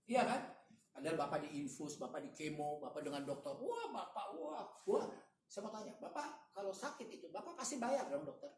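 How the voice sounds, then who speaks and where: A man preaching a sermon at a prayer meeting, animated and full of rhetorical questions and slangy asides. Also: fairly high pitch, a little fast. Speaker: evangelist preacher. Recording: echoey room, distant mic, faint noise.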